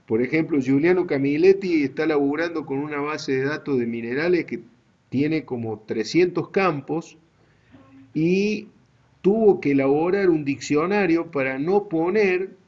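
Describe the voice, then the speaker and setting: Un hombre con acento argentino que da una clase universitaria en línea, explicando con calma y paso a paso. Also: male voice, fairly high pitch, highs cut off. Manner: slow, deliberate explaining to students. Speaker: university GIS teacher. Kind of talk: online class lecture.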